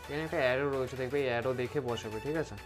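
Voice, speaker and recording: Talking at a racing pace in a mid-range voice over music, a motovlogger walks viewers through a hands-on product review. He has a West Bengal Bengali accent, keeps things informal and instructive, slips English into his Bengali, and often asks "okay?".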